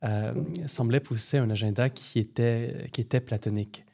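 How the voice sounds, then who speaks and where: A man interviewing a guest, forming long questions with many repeated words and pauses. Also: medium pitch, steady tone, mellow.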